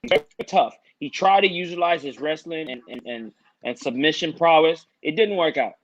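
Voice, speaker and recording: A man co-hosting a casual podcast chat, measured in tone, explaining and repeating his points. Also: fairly high pitch, dull audio, slight background noise. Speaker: co-host.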